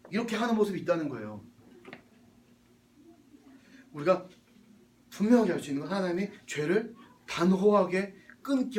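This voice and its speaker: Casual man preaching, fairly high voice. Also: far from the mic. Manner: casual and conversational, slang and English words mixed in. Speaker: pastor. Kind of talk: sermon.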